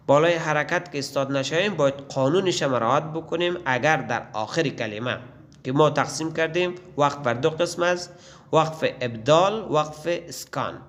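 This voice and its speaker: A man teaching a Quran reading lesson. He recites letters slowly and drawn out, then explains the rules patiently. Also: a little high, a bit bright.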